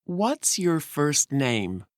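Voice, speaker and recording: A woman reading questions in a scripted English lesson, in a deliberate manner. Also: sits low, very animated, darkish tone, dry recording, clean studio sound. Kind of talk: slow scripted lesson dialogue.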